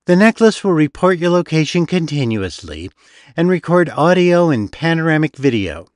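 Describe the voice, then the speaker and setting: A man's voice: fairly high pitch, sing-song, normal speed, no echo, voice pushed up. A man voicing a haughty female demon baron with a dry, teasing, brochure-like manner. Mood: sly.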